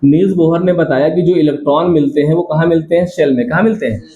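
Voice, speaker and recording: A man's voice: fairly high pitch, fast talker, narrow, tinny audio, a little hiss or hum. A male science teacher giving a classroom lecture, repeatedly asking students questions and answering them himself, calling them child affectionately.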